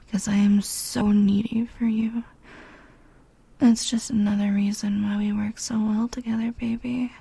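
Breathy woman in whispered role-play. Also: medium pitch, flat delivery, unhurried, dark tone, no room sound. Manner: intimate, breathy, coaxing murmur. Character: doting, dominant female lover. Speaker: audio role-play performer.

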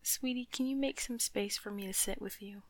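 A woman in an ASMR comfort roleplay, speaking softly and soothingly to a loving partner, often slipping into whispers close to the mic. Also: mid-range voice, normal speed, slight background noise.

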